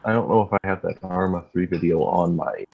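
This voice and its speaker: A man chatting casually on a livestream, laid-back and a bit halting. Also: low-pitched, gravelly, slightly rough, highs cut off.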